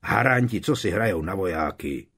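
A man's voice: on the low side, big pitch swings, husky, voice pushed up. Fred, a man doing a cheeky teasing lad. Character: cheeky teenage boy, joking twin.

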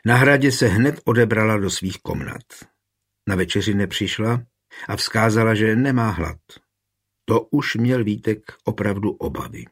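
Husky, low-voiced male audiobook narrator.

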